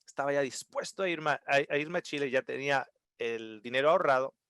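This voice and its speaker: A man telling a personal story at a seminar in an animated way, acting out the voices and often restarting his words. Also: mid-range voice, brisk, clear, resonant tone, dry recording, clean studio sound. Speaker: seminar speaker.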